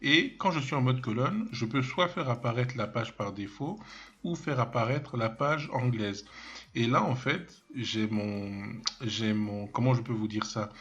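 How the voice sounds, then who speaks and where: A man giving a software tutorial, hesitant and full of fillers and restarts, thinking aloud as he clicks, with self-mocking asides. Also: medium pitch, measured pace, dull audio. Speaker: web development trainer. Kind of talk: screen-recorded software tutorial.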